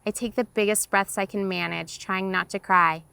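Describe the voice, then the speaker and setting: A woman's voice: medium pitch, steady tone, moderate pace, creaky, bright, forceful tone, clear, resonant tone, dry recording. A woman author reading her own novel aloud in tense, vivid first-person narration.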